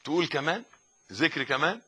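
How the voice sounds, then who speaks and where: Man, Egyptian Arabic accent, religious teacher, emphatic, hushed recitations, husky. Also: on the high side, expressive, fairly quick. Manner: emphatic, wide swings between loud insistence and soft murmured recitation. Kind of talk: religious lesson.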